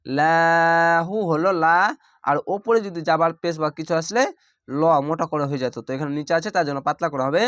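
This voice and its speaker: A man's voice: fairly high pitch, fast talker, no room sound. A young man from Bangladesh with a Bangladeshi Bengali accent, teaching Quran reading by spelling each word letter by letter and drawing out the recited words, recorded close to the mic. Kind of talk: slow spelled-out recitation lesson.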